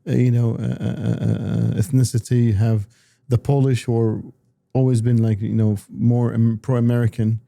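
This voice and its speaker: A man talking politics as an analyst in a casual discussion, halting often with repeated words and restarts. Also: medium pitch, little pitch movement, vocal fry, warm tone, no room sound, clean studio sound.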